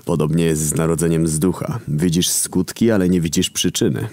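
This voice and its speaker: A man doing a calm, preaching Jesus. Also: sits low, fairly quick, dry recording, lightly acted. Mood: serene.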